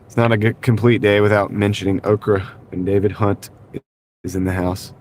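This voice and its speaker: A man livestreams from his car at night, rambling in casual chat, reading comments aloud, and chuckling frequently. His congested voice is nasal, slightly rough, a little mellow, and on the low side, with fairly even intonation at normal speed. He uses a wireless clip-on mic, and there's slight background noise.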